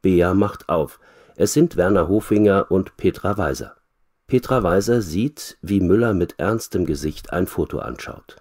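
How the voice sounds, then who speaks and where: A man reading a graded storybook aloud for language learners, slowly and clearly. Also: deep voice, animated, a little mellow. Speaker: reader.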